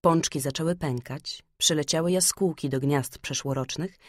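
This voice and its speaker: A woman narrating a fairy-tale audiobook in a calm, measured storytelling manner. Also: low-pitched, no echo, studio quality.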